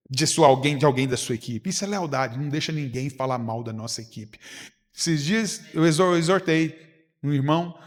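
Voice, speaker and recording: With a Goiás Brazilian Portuguese accent, a pastor gives a conversational sermon at a leaders' retreat in a church hall, performing small dialogues and asking rhetorical questions. His voice sits on the high side and carries a big-room sound.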